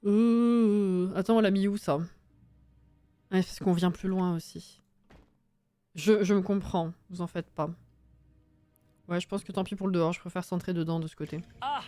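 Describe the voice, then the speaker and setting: A woman's voice: lowish voice, fairly even intonation, normal speed, long pauses, dark tone, smooth, no echo, soft background music. A young woman chatting casually on a live stream while building in a game, reading chat aloud, swearing and laughing often.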